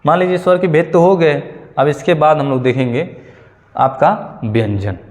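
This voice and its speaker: A male teacher giving a slow, repetitive grammar lesson for exam prep, checking in with his students often. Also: a little high, darkish tone, in a large hall. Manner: explains slowly, repeats key points and asks "ठीक है".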